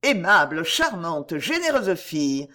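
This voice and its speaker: A woman reading the lines of an earnest, stern young gentleman in an audiobook. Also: on the low side, sing-song, unhurried, exaggerated voice. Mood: admiring. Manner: earnest, firm.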